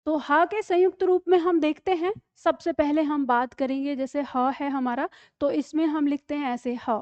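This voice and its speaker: A woman's voice: high voice, fairly even intonation, moderate pace, darkish tone, dry recording, dull audio. A woman teacher giving an online Hindi grammar lesson, explaining step by step and often checking that students follow.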